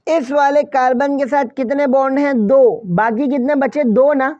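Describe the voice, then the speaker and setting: A man's voice: very high-pitched, steady tone, normal speed, darkish tone, dry recording, highs cut off. A man teaching a chemistry lesson, asking questions and answering them himself, repeating key points and speaking straight to his students. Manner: repeats key phrases, addresses students directly. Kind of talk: classroom lecture.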